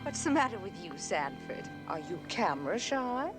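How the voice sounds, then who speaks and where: An actress playing a breezy, bossy, teasing sister in a 1960s television drama. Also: female voice, mid-range voice, very animated, normal speed, lightly acted. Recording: old TV soundtrack, loud music.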